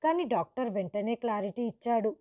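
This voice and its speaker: Mellow, higher-pitched woman narrating. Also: lively intonation, brisk, highs cut off. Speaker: storyteller. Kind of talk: first-person story narration.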